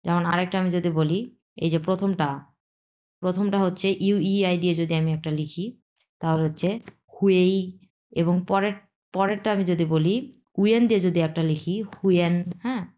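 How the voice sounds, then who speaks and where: A woman teaching a pronunciation lesson, repeating sounds slowly and checking in with her students. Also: fairly low pitch, steady tone, dark tone. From Bangladesh. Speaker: language teacher.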